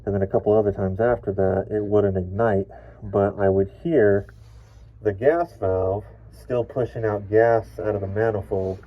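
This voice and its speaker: A man's voice: fairly low pitch, fairly even intonation, moderate pace, a little hiss or hum. A man working as an HVAC technician, his voice muffled by the respirator he is wearing, explaining the job in a plain, matter-of-fact way from a cramped attic. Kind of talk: casual work-along explanation.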